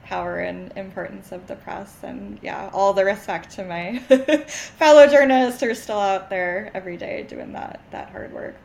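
Giggly woman with a gravelly edge. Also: mid-range voice, moderate pace, darkish tone, low-quality recording. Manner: giggly, lighthearted. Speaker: copywriter, guest. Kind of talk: casual interview chat.

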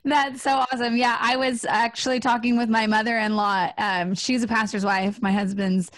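A woman's voice: a little high, steady tone, moderate pace, no echo. A woman hosting a podcast, chatting enthusiastically with her guest. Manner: warm and enthusiastic. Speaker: podcast host. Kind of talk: casual interview chat.

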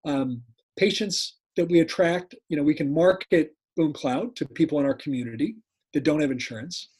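A man in his sixties speaking conversationally as an interview guest and coach, deliberate and repeating key points. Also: fairly high pitch, a little mellow, breathy edge. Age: 60s. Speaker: podcast guest, dental practice coach.

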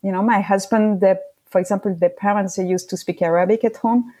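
Warm and mid-range, the voice of this middle-aged guest from Switzerland, a native French speaker, stays steady as she talks a little fast. In the relaxed interview she reflects thoughtfully, frequently starting over.

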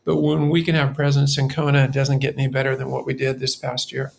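A man, a triathlon coach, talking on a podcast in a reflective, enthusiastic way and often clearing his throat. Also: mid-range voice, monotone, fast, darkish tone. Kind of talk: casual podcast conversation.

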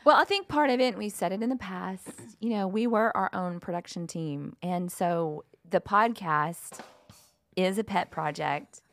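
A woman's voice: mid-range voice, measured pace, fairly bright tone, dry recording. A woman co-hosting a podcast, talking in a chatty, upbeat way. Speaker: podcast co-host. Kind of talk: casual chat.

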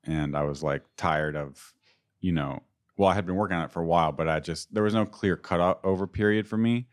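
A man with a remarkably low, deep voice talks in an unhurried, informal way. He is getting over an illness and explains technical things casually, as a podcast co-host would. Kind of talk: casual tech chat.

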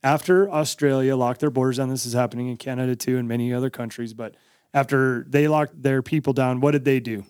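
A man's voice: medium pitch, steady tone, brisk, a little mellow, dry recording, clean studio sound. An American man co-hosting a podcast, giving his opinions in a casual, emphatic way and repeating his points. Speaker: podcast host.

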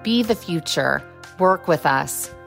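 A woman's voice: deep voice, expressive, slow pace, vocal fry, fairly bright tone, faint music behind. A woman podcast host reading a polished, scripted outro.

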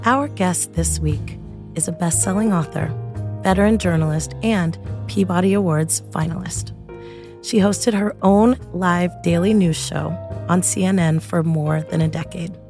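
A woman hosting a podcast in a casual, colloquial way, her voice husky after laryngitis. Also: fairly low pitch, normal speed, faint music behind. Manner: relaxed, colloquial, lists things in rhythmic runs. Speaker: podcast host.

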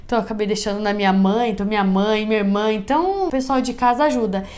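A woman's voice: mid-range voice, rapid-fire, darkish tone. A woman, a mother talking as a guest in a casual interview, chatty and often adding "né?". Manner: chatty, with frequent "né?".

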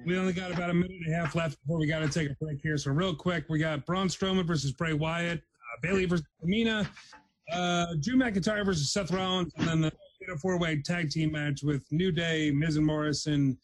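Male podcast host, quick rundowns, casual, a little high-pitched. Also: steady tone, dry recording, low-quality recording. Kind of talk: casual chat.

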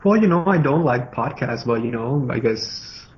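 A man's voice: medium pitch, animated, normal speed. A man from Venezuela with a Venezuelan Spanish accent and rolled r's, chatting casually as a podcast guest in a rambling, joking way. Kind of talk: casual chat. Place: remote call. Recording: dull lo-fi call with some noise.

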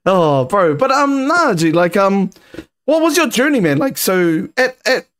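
A man's voice: sits high, big pitch swings, measured pace, a bit bright, clean tone. A man with a New Zealand accent interviewing in a casual, slangy, jokey chat full of bro and G.

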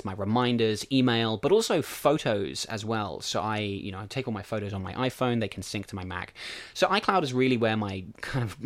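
Male podcast host, low voice, casual step-by-step explainer, dry close mic. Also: fairly bright tone, no room sound. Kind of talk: solo podcast talk.

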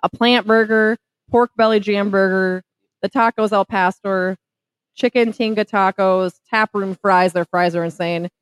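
A woman's voice: medium pitch, fairly even intonation, a little slow, dry recording, poor audio. A woman co-hosting a live podcast from a taproom, bubbly and giggly as she runs through local events. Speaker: podcast co-host. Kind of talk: upbeat live podcast chat. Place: restaurant taproom, live show.

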